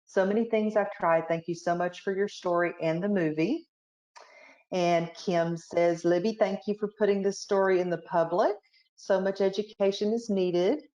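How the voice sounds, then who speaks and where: A woman's voice: medium pitch, fairly even intonation, normal speed, dark tone, lo-fi sound. A woman hosting an interview casually, supportive, reading out audience comments, heard over a video call. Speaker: host.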